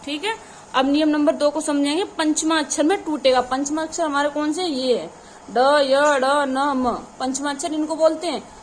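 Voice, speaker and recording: A woman's voice: high-pitched, steady tone, moderate pace, a little hiss or hum. A woman teacher giving an exam-prep grammar lesson, addressing her students as children and answering her own questions. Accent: Hindi. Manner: calls the audience "children", asks questions and answers them herself.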